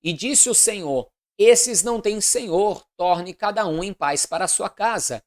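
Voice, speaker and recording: A woman, reading scripture aloud in a measured, deliberate way and adding commentary. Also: mid-range voice, lively intonation. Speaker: Bible reader.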